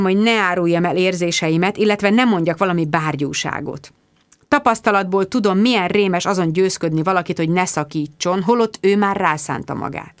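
Woman reading a first-person audiobook, lively and expressive, mid pitch, super dry close mic. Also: smooth, no room sound. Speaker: audiobook narrator.

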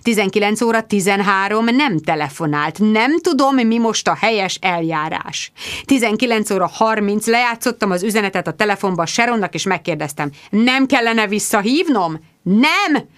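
A woman narrating a first-person audiobook in a lively, expressive way, close to the mic. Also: mid-range voice, no room sound.

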